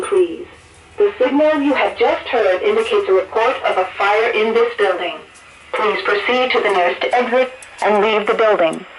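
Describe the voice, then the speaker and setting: A recorded evacuation announcement played over a fire alarm PA speaker, calm and formal. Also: mid-range voice. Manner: calm, formal, evenly paced. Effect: recorded evacuation message over a fire alarm speaker. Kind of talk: slow, measured public announcement. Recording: echoey, distant, noisy alarm speaker.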